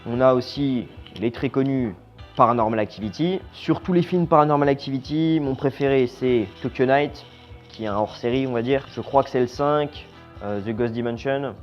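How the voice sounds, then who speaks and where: A man's voice: medium pitch, normal speed. Blunt, slangy man reviewing horror films. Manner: blunt, slangy, trails off quietly at phrase ends. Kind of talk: casual opinionated film review. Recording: slightly dull lo-fi sound with faint music.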